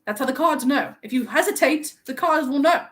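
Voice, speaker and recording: A vain, playful young wizard who loves compliments, played by a woman in her own high voice. He teases his viewers and acts wounded when they tease back, keeping up a chatty live-stream role-play. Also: lively intonation, a little fast. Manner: playful, teasing, mock-offended. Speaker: livestream host.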